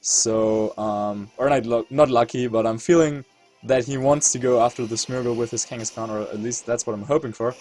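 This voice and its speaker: A man's voice: medium pitch, fairly even intonation, normal speed, darkish tone, soft background music. A man with a German accent giving casual gameplay commentary as a channel host, thinking aloud as he weighs his moves. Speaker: competitive video game player and channel host.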